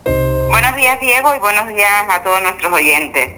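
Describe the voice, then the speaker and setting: An older woman with a slightly hoarse voice on a phone call, explaining things informally and reassuringly as a guest lawyer. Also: mid-range voice, expressive, normal speed, over music. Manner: reassuring, checks in with tag questions. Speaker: immigration lawyer, radio guest. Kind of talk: informal explanatory interview talk. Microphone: telephone. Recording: bright phone call with faint noise.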